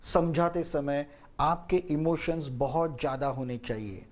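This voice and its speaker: A man teaching public speaking, talking slowly and expressively and stressing key words as he demonstrates how to tell a story. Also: on the high side. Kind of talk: instructional talk with demonstration storytelling.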